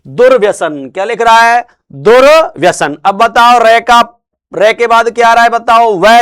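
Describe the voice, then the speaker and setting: Lecturing on Hindi grammar, a man with a clear, resonant voice answers his own questions in a lowered, quieter tone. He lengthens words slowly to give them weight, keeping to a call-and-response classroom format.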